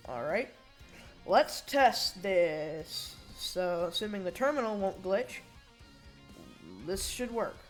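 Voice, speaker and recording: A woman's voice: medium pitch, lively intonation, slow pace, soft background music. A woman giving a casual, rambling tech demo, with slightly slurred S sounds from braces and a bite plate. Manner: informal, rambling, thinking aloud. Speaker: hobbyist programmer demonstrating a project.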